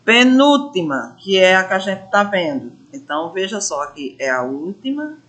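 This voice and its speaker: A woman teaching a grammar lesson, drawing out syllables slowly to show stress and asking her pupils questions. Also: medium pitch, very animated, fairly bright tone. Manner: addresses pupils as gente, asks questions. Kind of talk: classroom lesson explanation.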